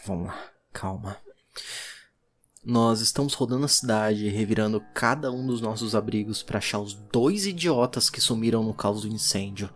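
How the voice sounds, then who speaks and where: With music in the background, a performer with a Brazilian accent voices a distraught, defiant and hunted woman occultist in a halting, emotionally charged audio drama monologue. The voice is medium-pitched and lightly acted, and the mood is grim and resigned.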